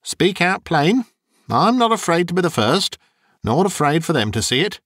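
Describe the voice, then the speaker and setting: A man voicing a coarse, greedy old charwoman who mocks the dead in brash, quick bursts. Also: a little high, very animated, a bit bright, no room sound, studio quality, pitched above the performer's own voice. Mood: scornful.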